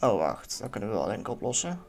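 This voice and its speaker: A man giving casual let's-play commentary in a lively way, swearing now and then and yelling at near misses. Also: fairly low pitch, quick pace, gravelly, soft background music. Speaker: gaming YouTuber.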